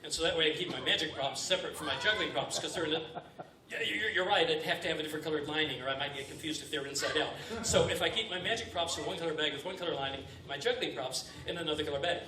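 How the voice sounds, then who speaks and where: Fairly high-pitched, rapid-fire, pushed and bright, a man rattles through a live stage act of comedy juggling and magic. He plays the feignedly befuddled, playful kids party magician for the live audience. The sound is noisy, echoey, and distant.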